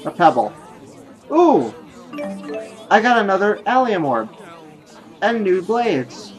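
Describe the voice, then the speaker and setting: Hosting a gaming video, a man thinks aloud in casual let's play commentary as he plays. His high voice is very animated yet slow-paced, with soft background music and some chatter behind him.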